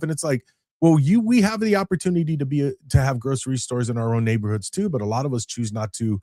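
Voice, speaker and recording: A blunt middle-aged man from California co-hosts a casual, opinionated chat, swearing freely and slipping into sarcasm. His voice sits at an ordinary pitch. The sound is dry and close, with no room around it. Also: dry recording. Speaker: podcast co-host.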